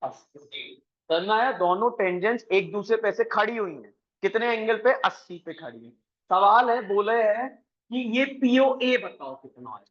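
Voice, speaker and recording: A man teaching a coaching class, briskly quizzing his students and mixing English math terms into his talk. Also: high-pitched, expressive, lo-fi sound. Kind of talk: classroom lesson.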